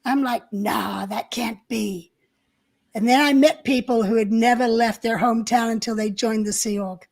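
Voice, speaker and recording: A woman's voice: fairly high pitch, fairly even intonation, moderate pace, darkish tone. An older woman co-hosting a live-stream chat, telling stories from her past in a chatty way with plenty of fillers. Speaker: co-host.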